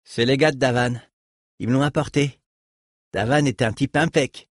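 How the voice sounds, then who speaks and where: A man's voice: mid-range voice, moderate pace, no echo, clean studio sound, lightly acted. A man voicing a cheeky, greedy street boy in an audiobook, slangy and whining when cornered. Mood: cocky. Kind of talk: audiobook character voice.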